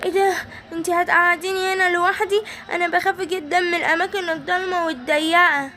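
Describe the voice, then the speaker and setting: Woman voicing a frightened little Egyptian girl, whiny and pleading, in a toy play video; high voice. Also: level tone, fast talker, pushed and bright. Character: scared little ballerina girl.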